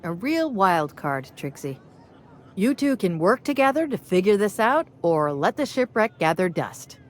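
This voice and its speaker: A woman's voice: medium pitch, sing-song, unhurried, a faint crowd, a little hiss or hum. An actress playing a stern, no-nonsense female bar owner in a game, firm and dry. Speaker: game character.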